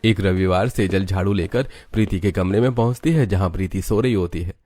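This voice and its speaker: A man narrating a family cartoon story in a scripted, even storytelling style. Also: deep voice, fairly quick, slight background noise.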